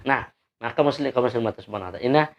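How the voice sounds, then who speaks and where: A man telling his story to an audience in an earnest, emphatic way, often pausing with hesitations. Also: mid-range voice, muffled recording. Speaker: convert giving testimony. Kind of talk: spoken testimony to an audience.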